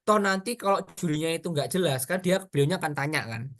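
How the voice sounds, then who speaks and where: A man giving an informal public speaking workshop, chatty and animated, talking straight to his audience with asides and quick examples. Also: fairly high pitch. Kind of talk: casual online workshop talk.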